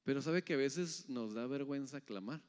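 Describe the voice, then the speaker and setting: A man preaching a sermon in a church hall. He keeps quizzing the congregation and swings from loud rising calls to soft, low asides. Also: normal speed, clean tone. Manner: keeps asking the audience "yes or no?". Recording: long hall reverb.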